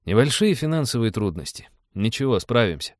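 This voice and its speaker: Мужчина, читающий реплики скромного капитана корабля, говорит с иронией, отмахиваясь. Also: male voice, mid-range voice, sing-song, fairly quick, no room sound, clean studio sound, voice pushed up, close to an everyday voice. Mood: wry. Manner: wry, dismissive. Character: modest wry middle-aged male ship captain.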